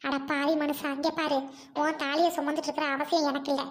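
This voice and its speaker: A woman's voice: sits high, level tone, brisk, lightly acted. A woman playing a fierce, defiant village wife. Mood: angry. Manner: scolding, accusing, sharp retorts. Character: fierce village wife defying her scheming husband. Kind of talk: amateur family drama acting.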